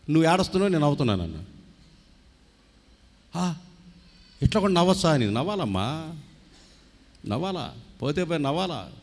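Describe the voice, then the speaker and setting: A male pastor preaching a sermon and telling stories, often acting out the voices of the people in them. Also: on the high side. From India. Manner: storytelling preacher who acts out quoted voices. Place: church hall. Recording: long hall reverb.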